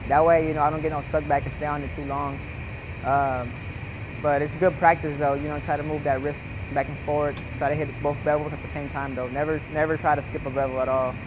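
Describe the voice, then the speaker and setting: A young man talks through his welding in an easygoing, rambling way, leaning on fillers as he goes. His voice sits a little high for a man. Steady shop noise runs clearly behind him. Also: a little fast. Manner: laid-back, rambling, many fillers like "you know" and "like". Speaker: welding instructor. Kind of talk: casual instructional voice-over.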